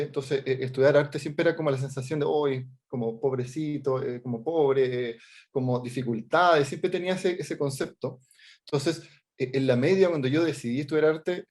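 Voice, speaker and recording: A man's voice: on the high side, darkish tone. A middle-aged man with a Chilean accent, an artist and teacher presenting his work informally over a video call, hesitant, with many fillers and frequent check-ins. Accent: Chilean Spanish. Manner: halting, many fillers and restarts, keeps checking in with "¿ya?". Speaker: artist and teacher giving a workshop talk.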